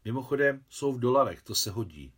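A man voicing a grieving older widow in an audiobook, speaking calmly and coldly. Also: medium pitch, slightly rough. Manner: calm, measured, chilly.

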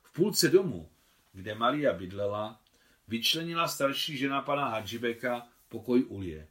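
A man calmly narrating a novel in a measured audiobook reading, as the translator of the text. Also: medium pitch.

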